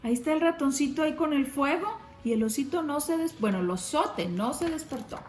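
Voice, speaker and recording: A woman reading a picture book aloud to children, gently pointing them to the pictures. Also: sits high, animated, a little fast. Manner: gentle, addresses kids, shows pictures. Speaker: storybook reader. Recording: roomy with faint music.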